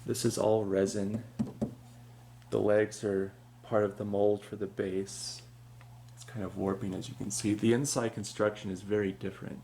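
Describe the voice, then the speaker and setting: A low-voiced man talks casually through a product comparison over a faint hum. His delivery is understated and very even, with a creaky edge. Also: measured pace. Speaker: prop collector presenting his animatronics.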